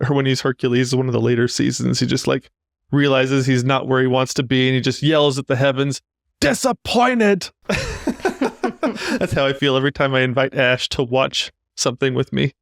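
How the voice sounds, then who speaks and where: A man's voice: mid-range voice, level tone, a little fast, vocal fry, dry recording, clean studio sound. A man co-hosting a podcast, chatting in a playful, rambling way and laughing often. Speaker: podcast co-host. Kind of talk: casual podcast chat.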